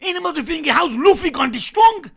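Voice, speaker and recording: A young man runs a YouTube anime reaction channel, delivering excited live commentary full of slangy bro hype that erupts into shouting. He talks fast in a very high, raspy, creaky voice.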